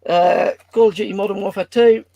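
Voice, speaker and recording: A man's voice: sits high, steady tone, a little fast, gravelly, dark tone. A man doing a casual show-and-tell as a livestream guest. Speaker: livestream guest showing games.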